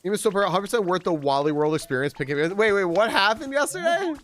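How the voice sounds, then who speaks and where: A man's voice: high voice, quick pace. A man streaming a video game live, chatting with viewers and cheering at what happens on screen. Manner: excitable, chats with viewers, talks to characters. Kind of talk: casual live game commentary.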